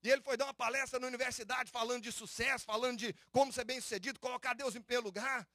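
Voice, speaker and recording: A man preaching a fervent sermon, calling the congregation beloved and brothers and rising to shouts on key phrases. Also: very high voice, steady tone, very fast, dry recording, studio quality. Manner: addresses listeners as "amado" and "irmão". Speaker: pastor. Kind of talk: Pentecostal-style sermon.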